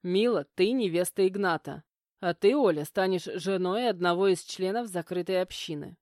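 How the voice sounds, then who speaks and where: A woman voicing a middle-aged male academy director who is calm, cold and falsely gentle. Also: on the low side, normal speed, no echo, studio quality, natural voice. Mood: mock-gentle. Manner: calm, mock-gentle, sneering.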